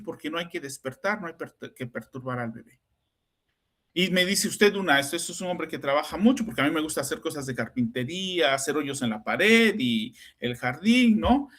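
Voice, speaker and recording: A man's voice: a little high, expressive, normal speed, a bit bright. Man, Mexican accent, middle-aged, chatty storyteller, keeps checking in with the listener. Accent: Mexican Spanish. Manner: chatty, anecdotal, frequent tag questions. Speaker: psychoanalyst podcast host. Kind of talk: conversational storytelling.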